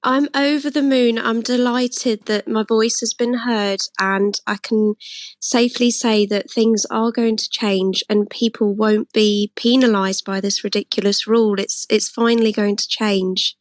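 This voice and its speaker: A woman's voice: a little high, fairly even intonation, measured pace, no room sound. A woman with an English accent being interviewed on local radio, talking earnestly and at length with frequent fillers. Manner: earnest, relieved, talkative with fillers. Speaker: interviewee, motorist who campaigned.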